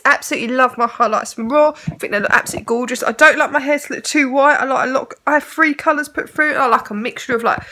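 A woman's voice: high-pitched, pushed and bright. A woman, chatting casually to camera at home and rambling a little. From England. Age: 30s. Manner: chatty and rambling, fond baby talk to her cats. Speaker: vlogger. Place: her home, indoors.

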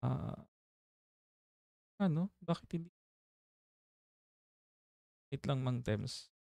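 A man hosting a casual reaction livestream, animated and chatty, laughing often and reading viewer names aloud. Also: medium pitch, extremely slow, creaky, dry recording.

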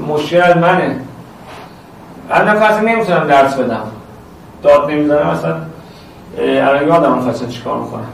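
A man teaching math to an online class, talking loudly and animatedly to his students. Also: fairly high pitch, very echoey, distant mic, slight background noise, poor audio. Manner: loud, animated, talks to students directly.

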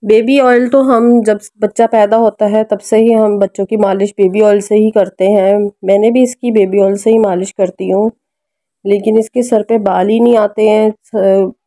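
A mother with a Pakistani Urdu accent hosts a casual cooking and family vlog at home, moving between kitchen and family room and often appealing to viewers for help in a chatty way. She speaks at a moderate pace in a warm, steady, mid-range voice, captured as a dry recording.

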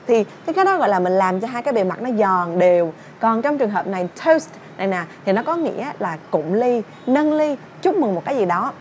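Young woman teacher, chatty song lesson, slightly high voice, faint background hiss. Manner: chatty, sings song lines then explains them. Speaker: English teacher. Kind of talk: song-based English pronunciation lesson.

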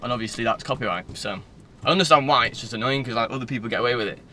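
Sitting in a parked car, a Northern English vlogger in his twenties talks very fast to a phone held at arm's length. His bright voice sits at a middling pitch as he rambles informally and loosely from one thought to the next. Faint background noise is present in the recording.

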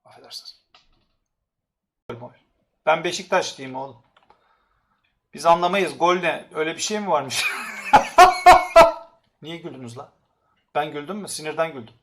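A man livestreaming, ranting at his chat with crude swearing and halting broken English, swinging between low mumbles and shouts. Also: vocal fry.

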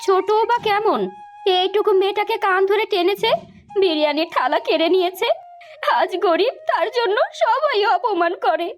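A woman voicing a patient, caring village mother in a cartoon, speaking gently. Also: extremely high pitch, animated, moderate pace, soft background music. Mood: resigned. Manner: gentle, soothing. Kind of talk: cartoon voice acting.

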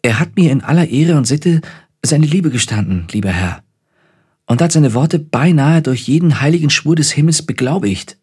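Male reader voicing a shy young noblewoman, quiet, hesitant, husky, storybook. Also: medium pitch, lively intonation, moderate pace, few pauses.

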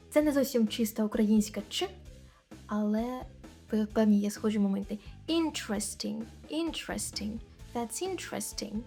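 Woman teacher slowly repeating practice phrases. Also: fairly high pitch, mellow. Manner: slow and careful, repeating example phrases many times. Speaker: English teacher. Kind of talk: language lesson explaining pronunciation.

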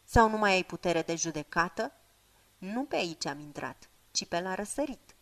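A woman voicing a stern, short-tempered old male wizard who scolds and commands loudly. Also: lowish voice, lively intonation. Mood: scolding. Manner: commanding, scolding, slow chanted spells.

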